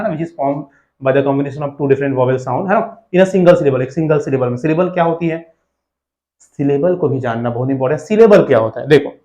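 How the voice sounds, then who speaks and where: A man with a fairly high voice teaching an exam-prep lesson. He keeps asking little questions and answering them himself, switching between Hindi and English. English passages are read slowly, word by word, before he explains them. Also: a little mellow. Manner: mixes Hindi and English, asks and answers his own questions.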